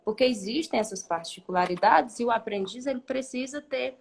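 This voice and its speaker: A woman's voice: fairly high pitch, fairly quick, gravelly. A woman Spanish teacher explaining in a live online class, patient and talkative, who often ends sentences with a questioning "né?" and thinks aloud with restarts.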